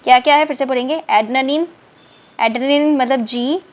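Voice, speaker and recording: A woman's voice: high-pitched, unhurried, highs cut off. A woman teaching an online chemistry class, counting aloud, spelling out words letter by letter and repeating terms, often mixing in English words and checking in with her students. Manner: mixes in English terms and checks in with "thik hai na". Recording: faint background noise.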